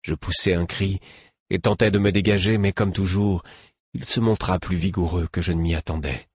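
A man reading a first-person novel aloud in a steady, measured way. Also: deep voice, husky, dry recording, clean studio sound. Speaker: audiobook narrator.

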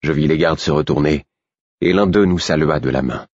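A man reading a first-person novel aloud, with steady, measured narration and voices for the characters. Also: a bass voice, dry recording, muffled recording. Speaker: audiobook narrator.

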